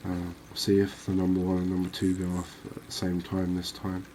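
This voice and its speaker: This is gameplay narration in gentle ASMR fashion from a gaming video host. He speaks softly, slowly, and in long phrases, his deep voice very flat, and there is faint ambient noise behind it.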